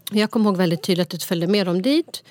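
A woman co-hosting a podcast in a relaxed, chatty way, with a somewhat low voice and many small fillers. She slips English phrases into her storytelling. The sound is dry and close, with no room echo. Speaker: podcast co-host. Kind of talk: casual conversation.

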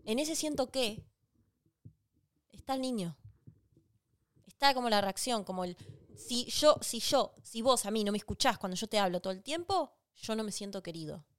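Podcast co-host, Argentine woman, a bit higher voice, smooth and clear, dry close sound, emphatic. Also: moderate pace, pauses often, dry recording. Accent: Rioplatense Spanish. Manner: animated, emphatic, acts out quoted lines. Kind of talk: casual relationship advice chat.

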